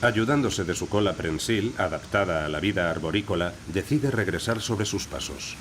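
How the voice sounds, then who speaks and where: A man's voice: low voice, expressive, moderate pace. A man reading scripted narration as the narrator of a nature documentary. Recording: insect and wildlife noise behind voice. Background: rainforest ambience with crickets and insects.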